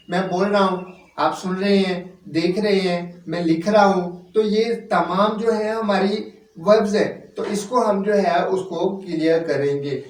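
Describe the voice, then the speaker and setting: A man gives a language lesson at a board, spelling words out letter by letter and slipping English terms into his patient explanations. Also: high voice. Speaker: language teacher. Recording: echoey room, mic at a distance.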